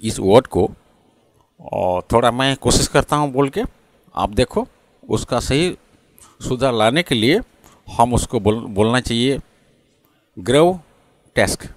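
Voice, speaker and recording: A man with an Indian English accent teaching English pronunciation, slowly repeating words and spelling them out letter by letter. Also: medium pitch, no room sound. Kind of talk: classroom-style lesson mixing Hindi and English.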